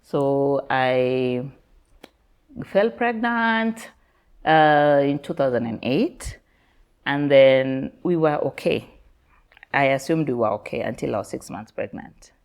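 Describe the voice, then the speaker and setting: Low-voiced Kenyan woman telling her story. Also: expressive, slow pace, darkish tone. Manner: candid, laughs often, mixes in Swahili slang. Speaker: guest. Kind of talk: personal storytelling interview.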